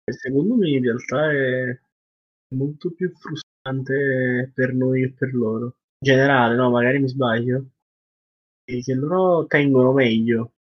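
A young man chats casually as a podcast co-host. His pitch sits in the middle of the male range. The audio is dull and lo-fi, as from an online call. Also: steady tone, measured pace. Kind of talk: casual chat.

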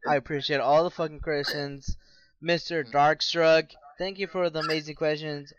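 A man co-hosting a casual podcast, swearing freely and boisterous in loud drunken banter. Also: fairly high pitch, fairly even intonation, normal speed, dry recording, lo-fi sound. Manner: profane and boisterous. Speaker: podcast co-host. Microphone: no webcam, remote mic.

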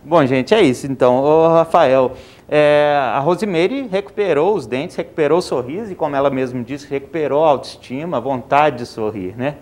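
A man hosting a local TV news interview, prompting his guest in a conversational way and often tagging questions with a quick check for agreement. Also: a little high, darkish tone. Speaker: TV news host.

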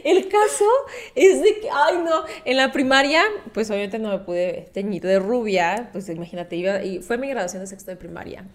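A young woman with a Mexican accent, chatting casually as a podcast co-host, telling self-mocking stories with a lot of laughter. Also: medium pitch. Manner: animated, self-mocking storytelling, laughs often. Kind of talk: casual chat.

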